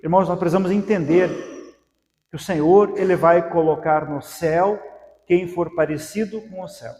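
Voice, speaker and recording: A man's voice: high-pitched, moderate pace, a little mellow. A man with a Brazilian Portuguese accent preaching a sermon as pastor, asking repeated rhetorical questions. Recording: echoey hall with long reverb.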